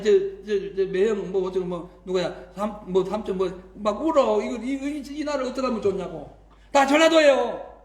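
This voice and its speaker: A man's voice: extremely high pitch, roomy sound. A male pastor delivering a sermon, emphatic, with frequent rhetorical prompts to the congregation. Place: church sanctuary.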